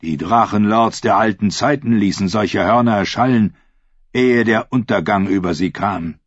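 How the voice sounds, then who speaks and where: A man voicing a cunning, commanding pirate king in an audiobook, speaking slow and low. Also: breathy edge, dry recording, muffled recording.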